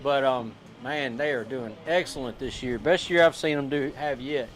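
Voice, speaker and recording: A man announcing catches at an outdoor fishing weigh-in, loud and chatty. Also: medium pitch, moderate pace, slight background noise. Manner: loud, chatty, coaching others. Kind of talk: live weigh-in commentary.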